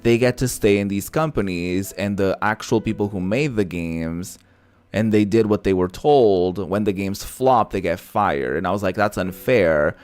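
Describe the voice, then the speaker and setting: This native Portuguese-speaking man has a lowish, slightly mellow voice with a clean tone and no room sound, talking at a normal speed. Streaming a visual novel as a gaming creator, he gives casual, opinionated, sassy commentary, cursing liberally while music plays behind him.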